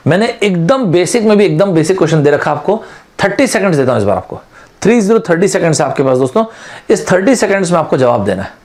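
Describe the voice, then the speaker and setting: A male teacher gives an online exam-prep lesson in a fairly high voice. He talks to his students in a chatty, friendly way and mixes English terms into his explanations. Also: big pitch swings, fast, darkish tone. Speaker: aptitude teacher.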